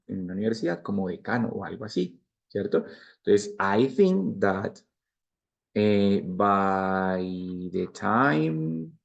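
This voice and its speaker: A man's voice: fairly low pitch, vocal fry, highs cut off. A man in his forties with a Spanish accent, teaching an English grammar lesson and explaining each structure patiently, step by step, with repeated examples. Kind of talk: bilingual grammar lecture.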